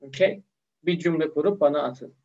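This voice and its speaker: A man's voice: fairly high pitch, fairly quick, darkish tone, highs cut off. A man from Iran with a Persian accent teaching a live online English lesson, patiently repeating key words.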